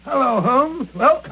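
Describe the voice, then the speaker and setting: An actor playing a huffy but good-natured doctor companion with a hesitant, blustery delivery, in 1940s radio style. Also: male voice, very high-pitched, muffled recording, a little hiss or hum, heavily acted. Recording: thin, band-limited old radio broadcast.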